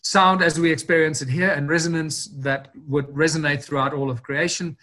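A Southern African man who researches ancient ruins is a guest on a long-form podcast interview. His voice is on the high side, steady and sharp, at a moderate pace, and he speaks earnestly and expansively, often restarting and repeating words.

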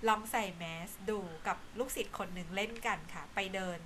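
A woman who teaches acting, telling stories in a relaxed podcast chat in a lively, expressive way. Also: medium pitch, fairly quick, a little hiss or hum. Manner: animated storytelling, lively and expressive. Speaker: acting teacher and stage director.

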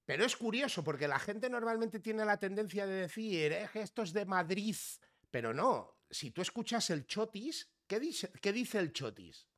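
Higher-voiced curious male host. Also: sing-song, moderate pace, few pauses, a bit bright. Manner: curious, stammering restarts, storytelling. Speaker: radio podcast host. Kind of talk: casual interview chat.

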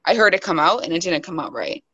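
A woman's voice: on the low side, sing-song, quick pace, pushed and bright, husky, no room sound. A young woman in her twenties, a nurse guest, chatting candidly and rambling on a casual podcast, recorded with muffled, dry sound. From New Hampshire. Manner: candid, rambling, self-deprecating.

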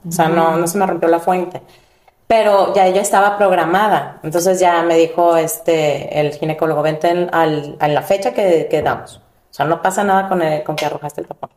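A woman in a casual group chat, calmly recounting her experience. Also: fairly low pitch, moderate pace. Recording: echoey room.

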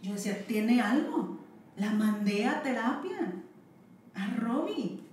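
A woman guest telling a candid personal story in a frank, halting way with many fillers. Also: fairly high pitch, big pitch swings, a little mellow. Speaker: podcast guest. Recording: roomy, distant mic, faint noise.

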